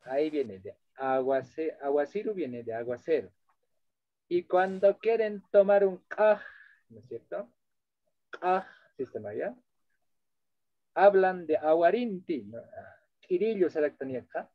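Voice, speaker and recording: A man's voice: on the high side, animated, takes it slowly, long pauses, no echo. A man lecturing as a translation course instructor, explaining patiently and checking in with his listeners as he switches between two languages. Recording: dull dry lo-fi audio.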